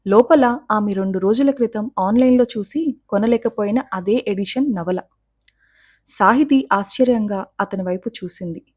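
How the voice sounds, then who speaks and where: A woman storyteller reading a scripted love story in a calm, measured way. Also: medium pitch.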